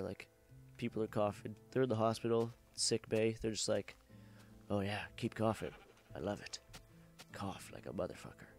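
This young man's voice sits on the low side and sounds creaky, and he's sick with a cough. His let's-play commentary is casual and rambling, full of jokes and free swearing, and he keeps correcting himself mid-sentence.

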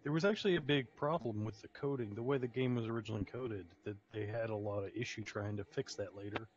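Lowish gamer guy explaining stuff on muffled lo-fi voice chat, kinda hesitant. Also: quick pace. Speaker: online game player. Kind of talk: casual voice chat while gaming. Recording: dull lo-fi voice chat audio.

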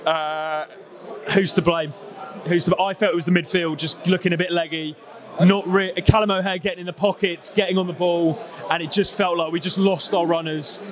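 Young man, high voice, football podcast host, asks guests questions, handheld mic. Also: fairly even intonation, normal speed. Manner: steers the talk with questions to guests. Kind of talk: casual football chat. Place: small studio set with a painted wall backdrop.

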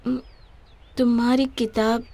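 A woman's voice: on the high side, flat delivery, takes it slowly, creaky, mellow, no echo, exaggerated voice. An actress dubbing a playful, impulsive young woman in a romantic film, coaxing and apologetic. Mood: pleading. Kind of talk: Hindi film dub.

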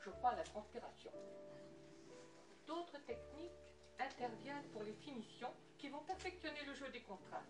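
A woman giving a measured, poetic scripted narration about an art exhibition. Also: sits high, lively intonation. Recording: roomy, distant voice with music underneath.

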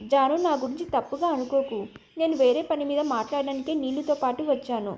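A woman reads the lines of a young husband in an audio storybook, playful and pleading as he tries to win his wife back. His voice sits high, since she keeps her own pitch for the man. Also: a little fast, darkish tone, close to an everyday voice. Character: young adult man, a teasing, exasperated husband and father.

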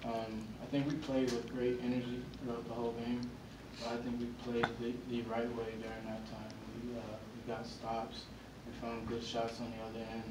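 Brief: young male college player, very flat measured answers, far from the mic, noisy room. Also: medium pitch, reverberant. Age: young adult. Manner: measured, repeats "I think". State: ankle injury, wearing a boot. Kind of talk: postgame press conference answers. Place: press conference room with backdrop. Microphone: table mic, picked up by a far camera.

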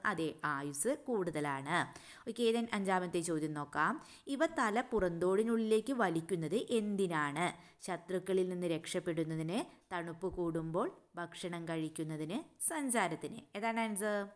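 A woman teacher going through exam answers for young children, asking questions and answering them herself, with English words mixed in. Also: fairly low pitch. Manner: mixes English words into her talk.

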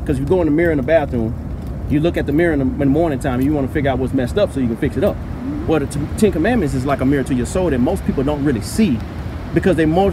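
A man doing street evangelism on a campus, asking questions and persuading in a lively way. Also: fairly high pitch. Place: outdoors on a college campus lawn. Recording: outdoor background noise.

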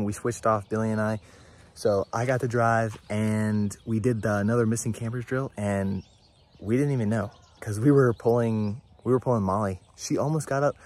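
Young male vlogger, selfie-phone camp diary, lowish voice, loose and rambling. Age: young adult. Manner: relaxed, rambling, many fillers. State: tired. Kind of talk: casual vlog talk to camera. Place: outdoors at a summer camp, and on a cabin floor. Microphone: phone held at arm's length.

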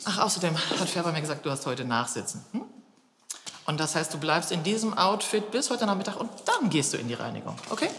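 A woman's voice: lowish voice, very animated, fast, fairly bright tone, a little hiss or hum. A sarcastic, scolding aunt in a reality TV drama. Her voice rings out with a roomy echo and a long reverb tail. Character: teasing, scolding adult aunt. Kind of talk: scripted reality TV acting. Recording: echoey room.

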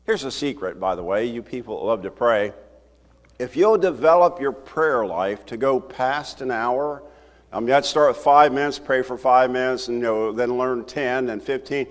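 An older man preaching a sermon from a church pulpit, talking to the congregation in a conversational, animated way. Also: medium pitch, moderate pace. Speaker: pastor. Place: church sanctuary, at a wooden pulpit. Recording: roomy hall reverb from the sanctuary.

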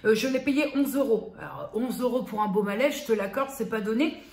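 A woman's voice: fairly high pitch, animated, fairly quick, darkish tone. Chatty woman vlogger in a roomy space. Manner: chatty, self-mocking, addresses viewer familiarly. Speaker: beauty vlogger. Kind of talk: casual chat to the viewer. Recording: roomy echo, faint background noise.

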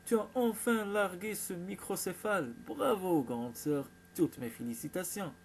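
Un jeune frère effronté qui se moque sans retenue de sa sœur, joué par un narrateur masculin à la voix assez aiguë. Il parle fort, avec un entrain railleur, dans une lecture de roman enregistrée avec un léger souffle. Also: male voice, a little high, lively intonation, normal speed, darkish tone, slight background noise. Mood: moqueur. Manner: mocking, exuberant. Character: teasing young adult brother.

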